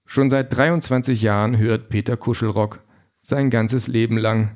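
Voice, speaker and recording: A man's voice: mid-range voice, steady tone, measured pace, a little mellow. A man narrating a short story with a dry, ironic delivery.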